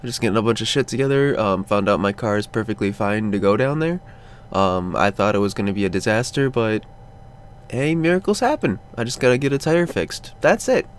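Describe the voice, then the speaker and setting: Sleepy male vlogger, rambling and drowsy, lower voice, faint background noise. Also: animated, a little fast. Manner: drowsy and rambling, lots of ums and sighs. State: sleepy, just woke up. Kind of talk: casual update vlog. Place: cold room at home, under a blanket.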